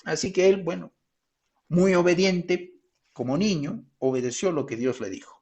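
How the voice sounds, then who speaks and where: A man, a pastor teaching a theology class over a video call, telling stories in a lively way and acting out the voices he quotes. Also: high-pitched, normal speed.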